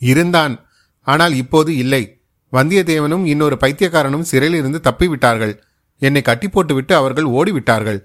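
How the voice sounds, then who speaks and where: A man's voice: fairly high pitch, brisk, close to an everyday voice. A man voicing a frantic young man, a physician's son, who talks in an agitated rush.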